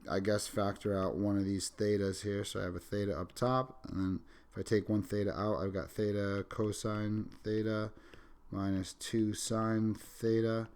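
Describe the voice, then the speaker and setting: A man with a fairly low, slightly mellow voice teaches calculus while sick, sniffling as he goes. Talking through each step as he writes and correcting himself along the way, this math teacher's lecture is recorded on a microphone.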